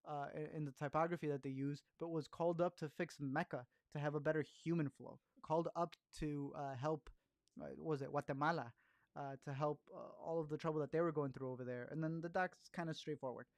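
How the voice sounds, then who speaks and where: A man's voice: fairly high pitch, fairly even intonation, brisk, no room sound. A man casually chatting through film reviews as a podcast host, rambling along with fillers and restarts.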